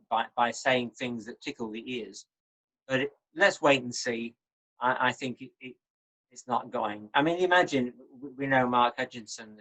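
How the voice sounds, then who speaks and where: A man's voice: mid-range voice, a bit bright, low-quality recording. Older man lecturing online. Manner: measured, encouraging, teacherly. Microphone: video call.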